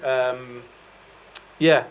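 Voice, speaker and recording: A man's voice: mid-range voice, fairly even intonation, very slow. A man giving a guitar masterclass, talking casually and rambling a little, with self-deprecating jokes. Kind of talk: casual explanatory chat.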